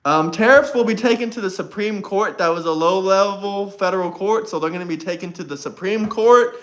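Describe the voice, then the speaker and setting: A brash young man hosting a live stream, talking straight to his chat and repeating his points. His voice sits very high for a man and rings bright and forceful. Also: fairly quick. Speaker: livestream host. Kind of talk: casual livestream chat.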